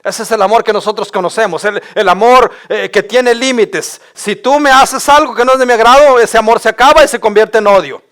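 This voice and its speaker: A man's voice: high voice, fairly quick, hardly any pauses, fairly bright tone. A male pastor, preaching an impassioned sermon and stammering over repeated words as he builds his points.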